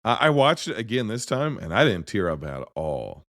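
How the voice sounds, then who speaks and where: A low-voiced man talks casually about films on a podcast. He rambles and restarts his sentences, jumping between stories and opinions. The sound is close and dry, with no room in it. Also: normal speed, no echo. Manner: rambling, self-interrupting, animated storytelling. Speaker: podcast host. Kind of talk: casual movie chat.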